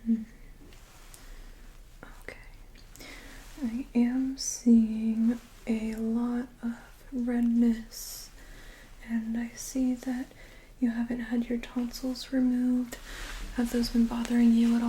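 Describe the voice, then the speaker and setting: A woman doing a soft, breathy whispered role-play of a medical exam, with a gentle, calm, reassuring nurse-like manner. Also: a little high, takes it slowly, pauses often, rough recording. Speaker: ASMR performer playing a medical examiner.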